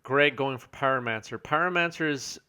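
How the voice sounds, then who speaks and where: A man's voice: mid-range voice, moderate pace, bright, forceful tone, clear, resonant tone. A man co-hosting live commentary on a card game match, easygoing and joking, reading out chat messages as he goes. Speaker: co-host and commentator.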